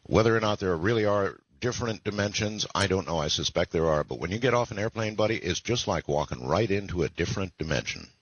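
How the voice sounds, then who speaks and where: A man in his sixties hosting a late-night call-in radio show, talking in a relaxed, rambling way with many pauses. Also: deep voice, slightly rough, no echo. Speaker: radio talk show host. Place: broadcasting from the Philippines. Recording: dull lo-fi radio broadcast sound.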